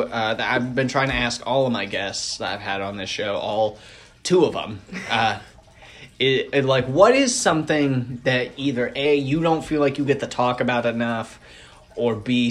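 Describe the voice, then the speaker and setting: A man in his twenties hosting a podcast, telling stories casually and jumping into loud acted quotes. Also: medium pitch, animated, normal speed. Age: 20s. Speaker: podcast host. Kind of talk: casual interview chat.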